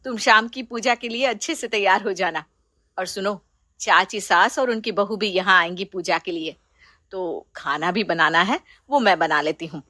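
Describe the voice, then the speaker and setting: Lady doing a gentle patient mother-in-law, mid-pitched, dry close sound, storybook. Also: moderate pace, no room sound. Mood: kind. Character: kind, open-minded middle-aged mother-in-law. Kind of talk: storybook voice acting.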